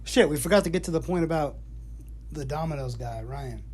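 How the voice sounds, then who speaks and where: A man's voice: on the high side, a little fast, a little mellow, a little hiss or hum. A middle-aged man telling rambling, profane stories to his son in casual chat, recorded on a phone at home. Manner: profane, rambling, laughs often. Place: home in North Georgia. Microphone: iPhone.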